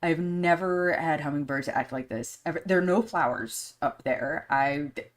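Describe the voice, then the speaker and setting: A woman's voice: sits low, normal speed. A woman hosting a podcast live stream in casual chat, candid and blunt, swearing freely and rambling with many fillers. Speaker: podcast host.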